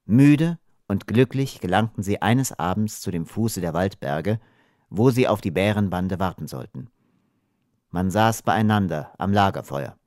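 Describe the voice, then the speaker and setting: A man reading an audiobook novel aloud in calm, even scripted narration. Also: low voice, unhurried, no room sound, studio quality.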